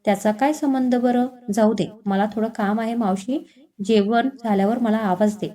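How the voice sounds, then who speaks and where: A woman's voice: fairly high pitch, fairly even intonation, normal speed, warm tone, natural voice. A woman voicing a stern but kind young male doctor in a spoken storybook. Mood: dry.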